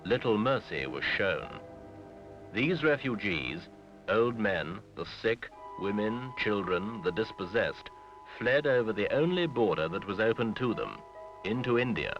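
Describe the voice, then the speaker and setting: A deep, expressive male narrator reads an old newsreel over music, gravely and in measured short phrases. The sound is dull, lo-fi 1970s film audio.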